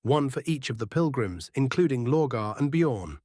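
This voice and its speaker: A man's voice: mid-range voice, animated, normal speed, darkish tone, no room sound, clean studio sound. A man reading scripted fantasy narration as a storyteller.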